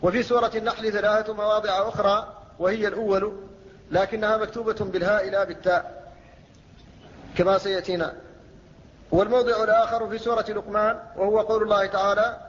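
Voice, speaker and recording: A man gives a classical lecture on Quran recitation, explaining point by point and quoting verses. His voice sits high and stays flat and even. The recording is dull and lo-fi, with a long reverberant tail. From Mauritania. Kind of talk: classical Arabic lecture on tajweed.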